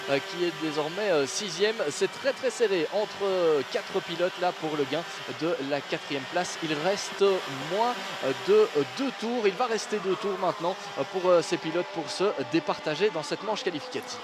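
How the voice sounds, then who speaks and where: A male motorsport commentator with a fairly high-pitched voice calls a live kart race. His phrasing is hesitant and stretched out as he goes. Outdoor engine noise is clearly audible behind him. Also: expressive, moderate pace, few pauses.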